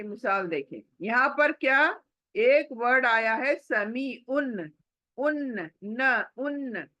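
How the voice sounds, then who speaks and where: A woman teaches tajweed in a recorded Quran recitation lesson, her voice high, bright and forceful, with no room sound. She patiently repeats examples, hums the letters, and answers the questions she asks.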